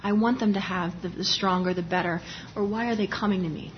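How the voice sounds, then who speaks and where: Speaking briskly in a steady, mid-range voice, a woman explains dermatology in a live lecture, chatty in tone and frequently starting sentences over. She has a lozenge in her mouth, and the audio is muffled with slight hiss or hum.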